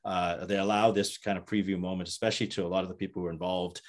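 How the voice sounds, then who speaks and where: Low-voiced man moderating, halting speech. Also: little pitch movement. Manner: halting, many restarts and "uh"s. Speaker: moderator, academic host. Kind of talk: moderated panel interview.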